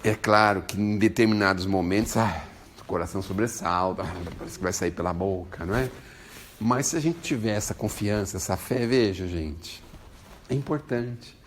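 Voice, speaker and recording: A man's voice: lowish voice, moderate pace, slight background noise. A man with a Brazilian Portuguese accent giving an informal spiritual talk, joking and chatting with his listeners. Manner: jokey, animated, chats with listeners. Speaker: spiritual lecturer.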